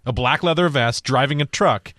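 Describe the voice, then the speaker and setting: A man's voice: medium pitch, moderate pace, fairly bright tone, no echo, clean studio sound. A man co-hosting a casual movie review podcast, blunt and profane, laughing often.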